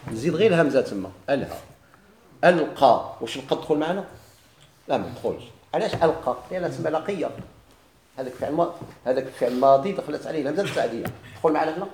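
A man's voice: medium pitch, a little mellow, roomy sound, a little hiss or hum. A man with a Moroccan Arabic accent teaching a grammar lesson to a class, posing questions and answering them himself.

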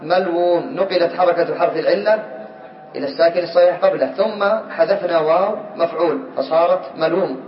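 A man teaching a class, quizzing his students and calling on them, slowly repeating key words. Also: on the high side. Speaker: teacher of Arabic morphology. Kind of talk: classroom lecture. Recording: distant, roomy, dull lo-fi recording.

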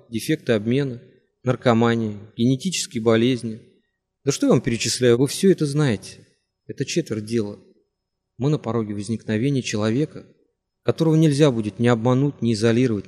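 A man voicing a calm, kind scientist who speaks softly and earnestly, in an audiobook reading. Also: medium pitch, big-room sound, close to an everyday voice. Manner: soft, soothing, earnest. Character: calm gentle male scientist, kind and soothing.

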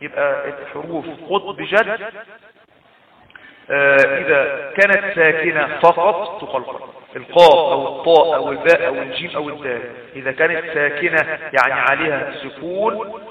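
A man with an Egyptian accent teaching the rules of Quran recitation, repeating and slowly demonstrating words, with drawn-out fillers. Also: on the high side, reverberant, recorded from a distance, narrow, tinny audio. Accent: Egyptian Arabic. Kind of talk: tajweed lesson.

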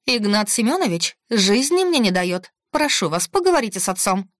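A woman voicing a fiery, indignant cook who rattles on in a shrill voice. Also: sing-song, fairly quick, a bit bright, no echo, clean studio sound.

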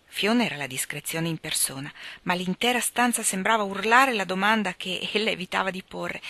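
Bright-voiced woman reading a novel. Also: no room sound. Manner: expressive, lifts her pitch for characters' lines. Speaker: reader of a novel.

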